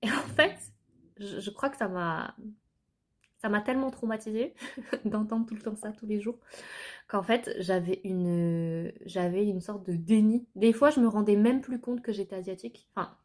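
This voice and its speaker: A woman's voice: mid-range voice, normal speed, darkish tone. A young woman from France telling her life story to the camera in an earnest, hesitant way, with many filler sounds and restarts.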